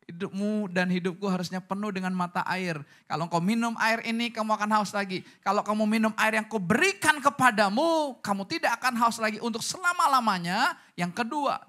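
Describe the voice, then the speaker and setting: A man's voice: high voice, pushed and bright. A man preaching a sermon as pastor, casual and joking, often throwing rhetorical questions at the congregation.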